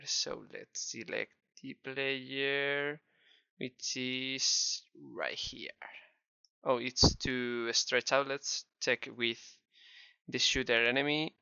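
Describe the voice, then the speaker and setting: A man's sharp, smooth mid-range voice, Spanish-accented, guides a step-by-step game development tutorial over a screen recording, warm and encouraging. There's no echo, though the close mic sounds dull and a little lo-fi.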